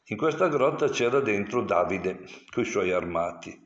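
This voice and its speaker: A man's voice: lowish voice, expressive, measured pace. An older man, a priest, giving a sermon in a digressive, explanatory way that turns to stern warnings. The recording is dull and lo-fi.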